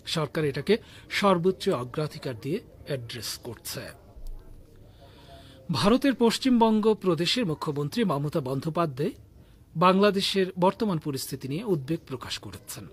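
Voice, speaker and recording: A man reads the radio news in a steady, formal, scripted delivery. His voice sits a little high and has a husky edge. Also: moderate pace. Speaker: news reader.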